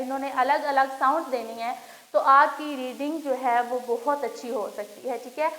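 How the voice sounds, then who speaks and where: A woman teacher giving a patient phonics lesson, slowly sounding out letters one by one and often checking in with her students. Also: high voice, a bit bright. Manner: calls students "beta", checks with "theek hai". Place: school classroom. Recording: echoey classroom reverb.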